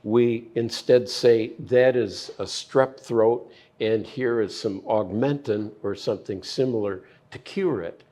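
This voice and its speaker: An older man, a physician, giving slow, measured explanations of health science with plain analogies in an interview. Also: mid-range voice, mellow. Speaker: physician guest.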